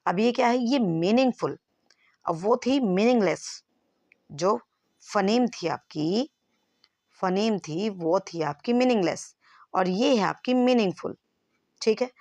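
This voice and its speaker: A woman's voice: mid-range voice, expressive, takes it slowly, pauses often, darkish tone, no room sound. A woman teacher giving an exam-prep lesson, explaining terms step by step and checking if the class follows.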